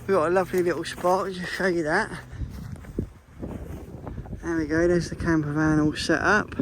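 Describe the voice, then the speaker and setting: A man with a high-pitched, fairly bright voice vlogs outdoors beside a fishing lake. He's an angler chatting casually and breaking off mid-sentence, with a little hiss or hum in the audio.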